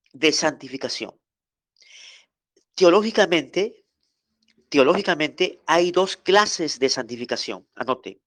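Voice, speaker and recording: Slow, deliberate male Bible teacher. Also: a little high, a bit bright, no room sound. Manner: repeats key words and dictates notes to students. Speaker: pastor teaching a Bible seminary. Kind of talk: Bible lesson. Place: online class.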